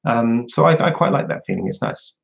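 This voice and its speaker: A man's voice: medium pitch, expressive, brisk, vocal fry. A man hosting a casual livestream, chatting frankly and answering viewer questions from home. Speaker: livestream host. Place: at home indoors. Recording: dull lo-fi home stream audio.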